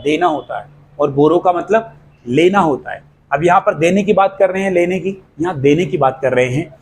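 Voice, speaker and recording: A man's voice: high-pitched, darkish tone, a little hiss or hum, rough recording. A man teaching a spoken English class, mixing Hindi with Indian-accented English and often asking "am I right?" to check his students follow. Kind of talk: classroom lesson explaining grammar. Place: coaching institute classroom.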